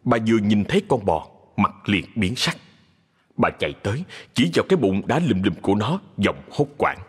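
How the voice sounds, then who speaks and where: A man narrating a ghost story in a measured, expressive storytelling voice. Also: fairly low pitch, breathy edge.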